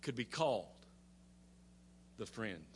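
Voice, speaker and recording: A pastor preaching a sermon, stumbling over repeated words and climbing to fervent emphasis. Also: male voice, on the low side, expressive, slow, slight background noise.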